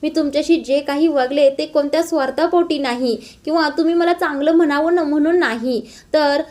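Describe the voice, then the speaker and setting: A woman's voice: sits high, brisk, a little mellow, lightly acted. A woman reading the lines of a tearful young woman pleading her innocence. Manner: pleading, explaining.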